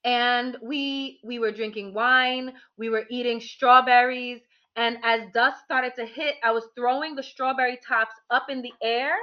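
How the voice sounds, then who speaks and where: A woman's voice: fairly high pitch, unhurried, hardly any pauses. Candid woman telling a personal story. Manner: candid, animated, frequent restarts and fillers. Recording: dull lo-fi recording.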